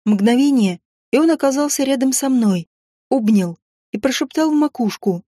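A woman narrating a first-person audiobook in an expressive, even storytelling manner. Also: high voice, moderate pace, no echo, clean studio sound.

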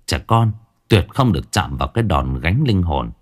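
A man's voice: low voice, sing-song, normal speed. A man narrating a ghost story dramatically.

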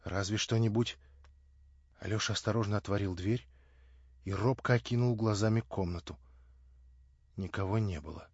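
A man reading a novel aloud as an audiobook, in measured, calm narration. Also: lowish voice, slightly rough, no echo. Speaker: audiobook reader. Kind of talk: scripted narration. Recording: dull dry lo-fi recording.

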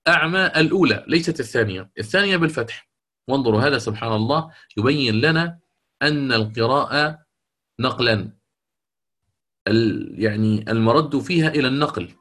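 Teaching Quran recitation rules in a lecture, this man walks through each step, puts questions to his students, and chants any verse he quotes. His voice is medium in pitch and fairly bright.

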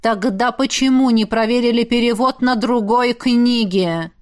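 A woman's voice: fairly high pitch, measured pace, natural voice. A woman voicing a stern lecturing rector. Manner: cutting, lecturing. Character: stern female academy rector, reproachful mentor.

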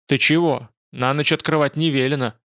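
A man voicing a frightened guard, nervous and hurried. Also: fairly high pitch, steady tone, a bit bright, dry recording, studio quality. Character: frightened male guard behind a door.

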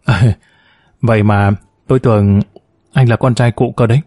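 A composed woman doctor speaks plainly and politely, as voiced by a man. The tone is mellow and close, with a dry, roomless sound. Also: medium pitch, steady tone, moderate pace, no room sound, natural voice. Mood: matter-of-fact. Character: calm, professional female hospital doctor.

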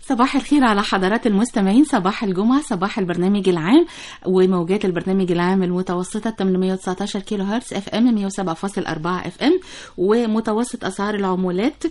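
A woman with an Egyptian accent presenting a morning radio show, reading announcements and figures in a brisk, businesslike way. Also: mid-range voice, darkish tone.

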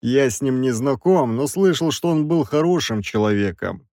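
A man voicing a cold, stern six-armed male creature who speaks in a measured, ironic way in an audiobook. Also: medium pitch, expressive, darkish tone, dry recording, clean studio sound, natural voice. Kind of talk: audiobook character voice.

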